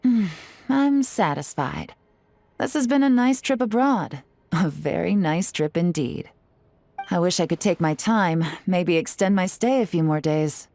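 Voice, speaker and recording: An actress voices a poised, cool woman agent on vacation in a game cutscene, sounding composed, relaxed, and lightly teasing. Her voice is fairly low and animated, with a darkish tone and a measured pace, recorded without echo.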